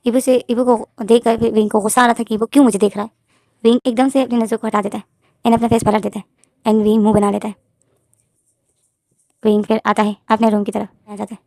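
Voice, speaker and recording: A woman's voice: a little high, dark tone, no room sound, clean studio sound. A woman with a Hindi accent retelling a fanfiction story in casual narration, reading out the characters' lines herself.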